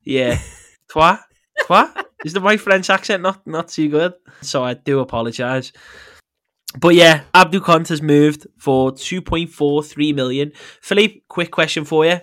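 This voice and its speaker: A man's voice: on the high side, unhurried, a bit bright. A man hosting a casual football podcast, chatty and laughing often as he quizzes his co-host.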